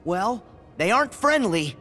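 An actor voicing an earnest, friendly teenage boy hero in an animated video game. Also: medium pitch, measured pace, faint music behind.

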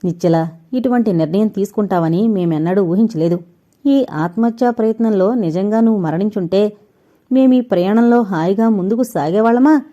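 A sharp-tongued young man, as a woman narrator reads him, scolding in a mellow, relaxed voice with open sarcasm. He speaks in a storybook audio novel. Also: medium pitch, normal speed, lo-fi sound, close to an everyday voice. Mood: reproachful.

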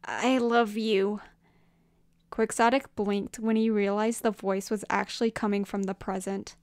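Woman narrating a story, smooth. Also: mid-range voice, level tone, moderate pace, a little mellow, dry recording, studio quality. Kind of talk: fan fiction audiobook reading.

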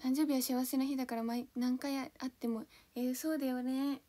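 A woman's voice: high-pitched, little pitch movement, brisk, mellow. A young woman chatting casually on a livestream, bubbly and giggly, reading out and thanking viewers' comments one by one. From Kanto, Japan; born in Hiroshima. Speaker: idol livestreamer.

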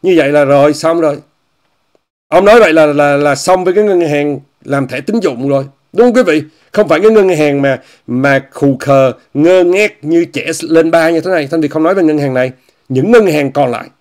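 A man delivers a casual commentary monologue in a somewhat high voice. He speaks straight to his viewers, repeats his phrases and mocks what he discusses. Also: a little fast, a little mellow. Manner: repetitive, often repeats phrases and says "quý vị" often; scornful, mocking tone. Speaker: commentator hosting an online talk show.

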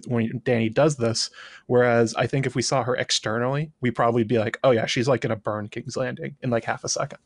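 A man co-hosting a fan podcast, talking through ideas in a quick, wry, analytical way. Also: medium pitch, no room sound. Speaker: podcast co-host. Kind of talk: casual chat.

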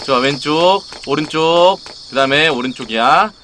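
A young adult male streamer coaching a teammate through a horror game, swinging between gentle reassurance and frantic yelling. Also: fairly high pitch, moderate pace. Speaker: gaming streamer. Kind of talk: horror game relay commentary. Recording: clear background noise, game ambience with crickets.

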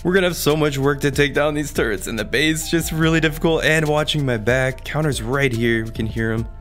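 A man's voice: on the high side, a little fast, a bit bright, faint music behind. A man giving casual gameplay commentary, thinking aloud and talking to viewers in informal, exclamatory slang. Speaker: gaming video creator narrating his play.

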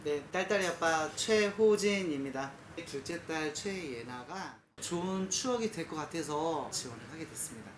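Lively father in an echoey room. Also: on the high side, normal speed, few pauses. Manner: polite and plain when interviewed, loud startled exclaiming during the prank. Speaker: father taking part in a prank. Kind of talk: casual interview, then excited reactions. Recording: echoey room with background noise.

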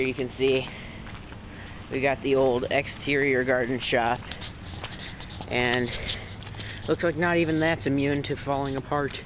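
A man casually narrating as he walks around outside a closed store, thinking aloud and easily amazed. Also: mid-range voice. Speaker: vlogger exploring a closed store. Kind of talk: casual walkaround commentary. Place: outdoors by an empty store and parking lot. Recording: outdoor noise and traffic under the voice.

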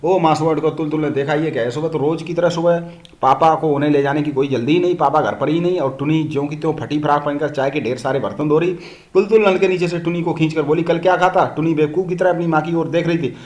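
A man's voice: a little high, fast talker, darkish tone. A male teacher reading a textbook story aloud to pupils, acting out the dialogue and stopping to explain.

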